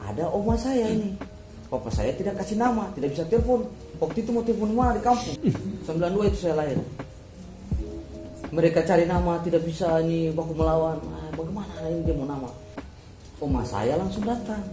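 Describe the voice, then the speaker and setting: A man, a guest writer telling anecdotes in a lively way, often acting out other people's voices. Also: on the high side, brisk. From Maluku, Indonesia. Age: 20s. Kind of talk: anecdotal storytelling. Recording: roomy hall with music behind.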